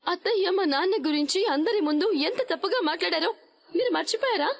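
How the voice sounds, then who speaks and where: An actress playing a wronged, defiant young daughter-in-law in a TV serial, speaking with indignation. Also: female voice, very high voice, lively intonation, quick pace, vocal fry, slight background noise, heavily acted. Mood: indignant. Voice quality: indignant, pleading. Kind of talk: TV serial acting.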